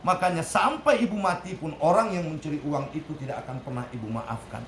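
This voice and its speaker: A man playing an elderly mother who pleads and cries out to God in a high voice, recorded in an echoey room. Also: fairly quick, over music, lightly acted. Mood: bitter. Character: elderly mother, grieving then forgiving.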